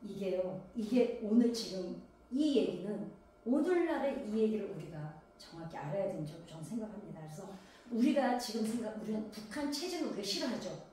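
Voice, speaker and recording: A woman's voice: mid-range voice, big pitch swings, fairly quick, mellow, slight background noise. A woman from Gangwon Province, South Korea, preaching a sermon in a conversational way, firing rhetorical questions at the congregation. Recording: very echoey hall, voice from a distance.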